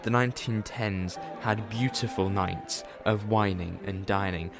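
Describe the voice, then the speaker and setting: A man's voice: lowish voice, steady tone, a little slow, creaky. A man playing the Doctor, breezy and theatrical. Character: eccentric male time-traveller, brisk and cheerful. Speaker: amateur detective at a party. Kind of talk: fan audio drama acting. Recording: music bed under the dialogue.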